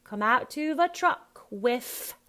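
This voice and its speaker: Woman doing a grinning Cockney crook, dropped H's, slow and loud. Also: high-pitched, animated, voice pushed up. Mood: broad, jolly. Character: scruffy Cockney henchman, man, dim and jolly.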